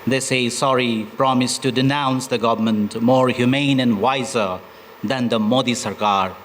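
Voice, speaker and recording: A man from Nepal, a poet reading his poems at a literature festival, slow and deliberate, with hesitant asides between poems. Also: medium pitch, fairly even intonation, slight background noise, poor audio. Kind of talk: poetry recitation with spoken introductions.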